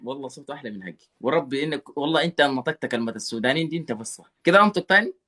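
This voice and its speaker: Sudanese man, very rapid speech, teasing, rambling, casual live stream host. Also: a little high, expressive, pushed and bright.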